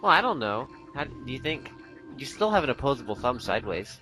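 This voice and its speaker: A man's voice: mid-range voice, sing-song, fairly quick, bright, forceful tone, faint music behind. A man casually commenting on a video game with a friend, playful and joking. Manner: chatty, playful, joking asides. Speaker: let's play commentator.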